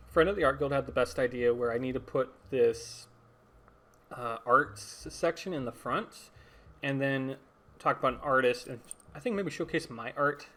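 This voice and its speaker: A young man hosts a solo podcast in a loose, rambling way. He stumbles over words, corrects himself and laughs at his own tangents. His voice sits at an ordinary middle pitch for a man. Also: fairly bright tone. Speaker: podcast host. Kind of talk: casual solo podcast talk.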